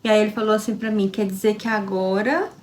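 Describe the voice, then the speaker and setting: A woman's voice: medium pitch, quick pace, a little hiss or hum. A woman telling her personal faith story in a casual, emotional way, acting out the voices of people she quotes. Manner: emotional, acts out quoted dialogue with lively shifts.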